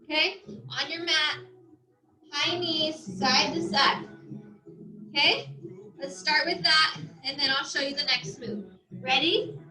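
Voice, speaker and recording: Woman cardio instructor, breathless, slow steady cues, roomy echo. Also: high-pitched. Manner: encouraging cues with cheers. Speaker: fitness instructor. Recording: echoey room with loud music. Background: workout music.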